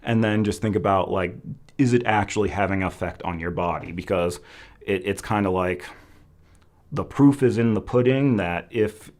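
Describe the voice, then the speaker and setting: A man hosting a casual live question-and-answer session, thinking aloud and qualifying what he says. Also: low voice. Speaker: host of a Chinese medicine Q&A.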